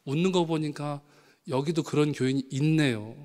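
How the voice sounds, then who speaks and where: A man, a pastor, preaching a sermon with animated storytelling, acting out voices from his anecdotes. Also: on the high side, normal speed. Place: church sanctuary. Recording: long hall reverb.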